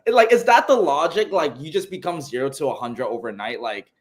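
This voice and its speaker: A man's voice: fairly high pitch, brisk. A man co-hosting a casual livestream, joking around and packing his talk with filler words. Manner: joking, lots of "like", animated. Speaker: livestream co-host.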